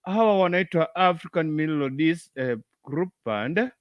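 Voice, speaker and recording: A man's voice: on the high side, lively intonation, measured pace, dry recording, highs cut off. A man with a Kenyan accent hosting an informal live online gospel show, repeating phrases and switching between English and Swahili as he addresses viewers.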